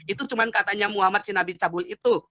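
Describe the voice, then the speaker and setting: A man from Indonesia argues in a heated live online debate, talking very fast in a bright, forceful voice. He taunts, mocks and keeps interrupting. The sound is dry and close. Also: high-pitched, fairly even intonation, no echo.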